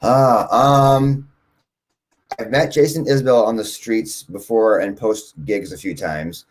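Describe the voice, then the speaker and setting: A man, a guest musician, answering interview questions casually and telling long, animated stories. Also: lowish voice, takes it slowly, a little hiss or hum. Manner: rambling, animated storyteller.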